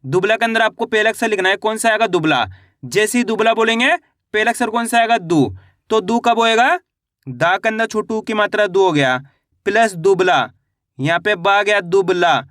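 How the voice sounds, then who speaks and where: A man teaching beginners to read, building words syllable by syllable, asking questions and saying each finished word slowly. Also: sharp tone, no echo, studio quality. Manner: spells out syllables, then says each word slowly and lower; asks learners questions as he teaches. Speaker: Hindi reading teacher. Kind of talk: online lesson.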